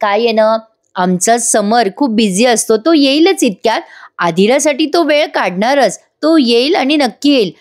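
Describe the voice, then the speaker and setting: A flustered, eager mother reassuring her guests, as a woman narrator voices her. Her voice rides fairly high. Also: lively intonation, measured pace. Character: eager, anxious hostess mother.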